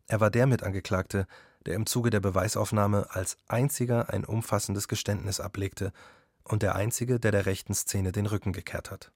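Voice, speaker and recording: A male podcast host giving a scripted introduction in a clear, steady delivery. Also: fairly low pitch, moderate pace, dry recording, clean studio sound.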